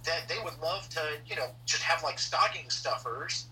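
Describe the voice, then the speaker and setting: A man's voice: a little high, moderate pace, sharp tone. A man hosting the conversation, asking long, rambling questions with many restarts. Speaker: podcast host. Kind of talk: casual interview questions. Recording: distant mic with faint noise.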